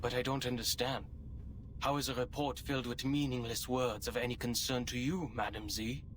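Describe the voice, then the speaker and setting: A man's voice: mid-range voice, steady tone, normal speed, a bit bright, slight background noise, lightly acted. A man voicing a dry, sarcastic researcher. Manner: dry, mocking. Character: sarcastic, laid-back male researcher. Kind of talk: game voice acting.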